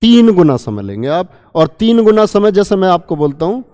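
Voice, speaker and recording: A man's voice: high-pitched, very animated, normal speed, dark tone, smooth, long reverb tail. A man teaching a Hindi grammar lesson, quizzing his students with repeated questions and stretching out sounds to demonstrate them. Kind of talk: online exam-prep lesson.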